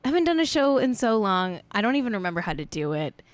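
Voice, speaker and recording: Playful, lively woman hosting a stream. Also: medium pitch, quick pace, no room sound. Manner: playful, riffing, animated jokes. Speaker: host. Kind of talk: casual comedic live-stream chat.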